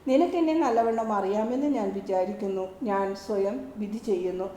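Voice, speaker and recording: A woman reads a devotional book aloud as narrator, voicing every character's dialogue in her own voice. She speaks fairly quickly in a warm, mid-range voice, in an echoey room with faint ambient noise.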